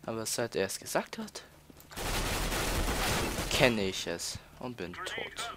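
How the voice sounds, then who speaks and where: A man's voice: medium pitch, huge pitch swings, slow pace, very noisy. A teenage boy from Austria, chatting while playing a game, stalling and repeating words with many fillers. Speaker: let's player. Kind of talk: casual gameplay commentary.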